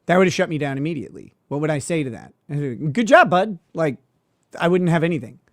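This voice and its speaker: A man's voice: on the high side, animated, quick pace, a little mellow, no echo, studio quality. A man, a suspended lawyer, telling a story in a casual monologue with a sardonic, mocking manner, laughing and using lots of filler words.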